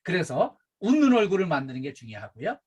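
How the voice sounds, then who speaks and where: A middle-aged man lectures at a staff training session in a lively, swooping voice that rises and falls with emphasis. His tone is somewhat husky, a little higher than most men's, and he leans on fillers as he explains. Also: quick pace, highs cut off. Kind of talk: safety and customer service training lecture.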